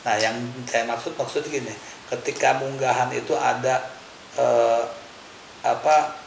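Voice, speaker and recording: A man's voice: medium pitch, fairly even intonation, a little slow, gravelly. A man co-hosting a casual religious discussion, explaining his point through everyday examples. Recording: echoey room with faint hiss.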